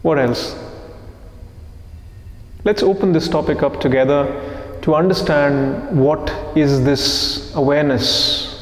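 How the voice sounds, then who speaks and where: A man leading a live meditation group, talking slowly and calmly, asking the group questions and repeating their answers back. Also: a little high, reverberant, big-room sound. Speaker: meditation teacher. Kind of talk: live guided meditation talk.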